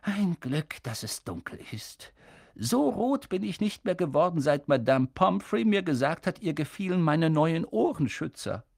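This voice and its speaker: A man voicing a gentle, wise elderly wizard headmaster in an audiobook reading, speaking softly and slowly. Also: fairly high pitch, creaky, slightly rough, no room sound, clean studio sound, voice pushed up, exaggerated voice. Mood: calm. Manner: soft, calm, slow. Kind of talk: audiobook character voice.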